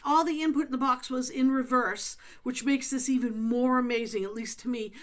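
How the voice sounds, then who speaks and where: A woman's voice: high-pitched, fairly even intonation, moderate pace. A woman hosting paranormal videos, speaking informally and addressing her listener directly. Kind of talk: casual video introduction and spirit questioning.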